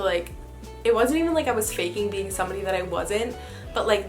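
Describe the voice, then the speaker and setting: In a chatty vlog, a young sorority member reads viewers' messages and offers laid-back recruitment advice, sprinkling in "super" and "like" often. She speaks with a medium-pitched, fairly bright voice in an informal manner.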